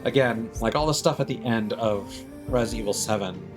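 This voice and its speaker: Fairly low-pitched and fairly quick, a man livestreams a game while giving casual, rambling, opinionated commentary, with music playing in the background.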